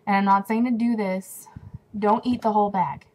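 A woman's voice: mid-range voice, fairly even intonation, normal speed, darkish tone, slight background noise, low-quality recording. A young woman from California, chatting into a webcam at home with a runny nose, rambling with lots of fillers and restarts. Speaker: vlogger. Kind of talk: casual talking-to-camera vlog. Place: at home indoors.

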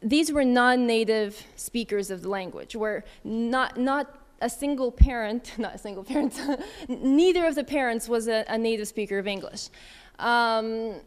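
Female speaker, 30s, from Russia, chatty conference talk, smooth tone pitched slightly high. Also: unhurried. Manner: casual and chatty, many fillers and restarts. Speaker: conference speaker, English teacher. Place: conference hall.

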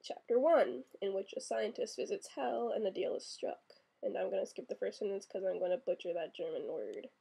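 Young woman from florida doing an accent tag, lots of ums, bit of vocal fry. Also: mid-range voice, steady tone, a little fast, warm tone. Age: 20s. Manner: chatty, many ums, reads word list aloud. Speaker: vlogger. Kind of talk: casual accent-tag vlog.

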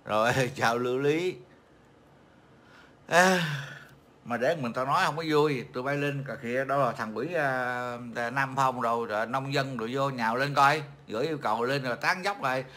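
Bright-voiced man on a rambling livestream. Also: mid-range voice, moderate pace. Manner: rambling, mocking, many fillers and repeats. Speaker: livestream host. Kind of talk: casual livestream chat.

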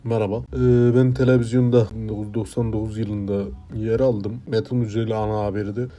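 A man playing a washed-up former television personality in a comedy sketch, muttering low and self-deprecating. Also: little pitch movement, brisk, warm tone, faint music behind, close to an everyday voice. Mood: gloomy. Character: washed-up male former TV personality running troll accounts.

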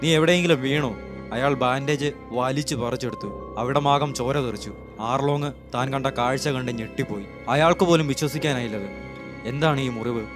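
A man narrating an anime episode recap as a scripted story, in a steady storytelling read on a close voice-over mic. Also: medium pitch, brisk. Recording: voice-over with clear music behind.

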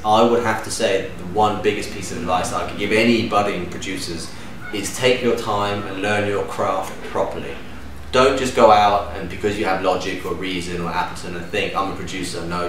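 Relaxed, enthusiastic and gesturing animatedly, a Danish DJ-producer in his thirties fields interview questions to camera in a low voice. He's indoors in his living room, and the sound is echoey and distant with a faint hum.

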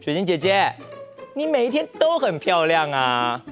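Higher-voiced Taiwanese man telling children stories. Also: moderate pace, faint music behind. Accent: Taiwanese Mandarin. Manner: expressive, explanatory. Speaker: children's show presenter and storyteller. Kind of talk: animated storytelling for children. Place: TV studio with painted forest set.

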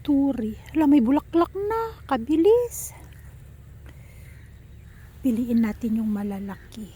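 A woman's voice: high-pitched, very animated, takes it slowly, dark tone, slight background noise. A woman chatting to her viewers in a casual vlog while walking outdoors and gathering vegetables. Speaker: vlogger. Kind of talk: casual cooking and garden vlog.

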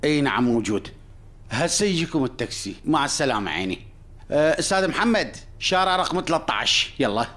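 A man's voice: fairly high pitch, sing-song, fast talker, fairly bright tone. A man with an Iraqi accent playing a taxi office owner in a sketch, friendly and businesslike on the phone. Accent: Iraqi Arabic. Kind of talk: comic sketch acting.

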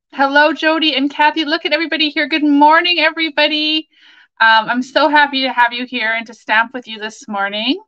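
A Canadian woman in her forties hosts a casual crafting livestream with chatty enthusiasm. Her voice is fairly high and very bright. The sound is slightly dull, as if caught by a webcam mic in a small home office. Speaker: craft demonstrator and livestream host.

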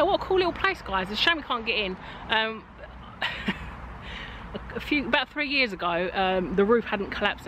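Young woman, casual explorer vlog, outdoors, phone at arm's length, noisy background. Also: mid-range voice. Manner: chatty, addresses viewers as guys, hushed spirit calls. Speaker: paranormal explorer vlogger. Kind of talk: casual vlog narration to camera. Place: outdoors at a ruined overgrown gatehouse. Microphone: phone held at arm's length. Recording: outdoor phone audio, noticeable background noise.

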